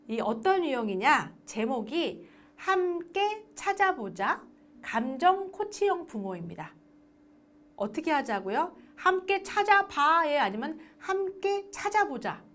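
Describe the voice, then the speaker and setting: A woman lecturing on adoption and parenting, asking the audience questions and acting out parent-child talk. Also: fairly high pitch. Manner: lively, acts out parent-child dialogue; asks the audience questions and answers them.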